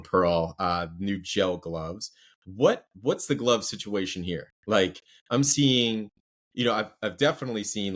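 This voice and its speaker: A fairly low-voiced man hosts a casual podcast. He asks loose, rambling questions and reacts to his guest with quick asides. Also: a bit bright. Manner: chatty, reacts with laughs and asides. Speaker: podcast host. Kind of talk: casual chat.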